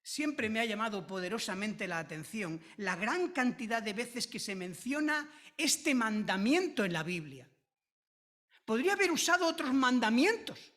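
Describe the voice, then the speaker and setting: A woman from preaching a sermon, slow and emphatic, repeating key phrases with drawn-out stress. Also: a little high, a bit bright.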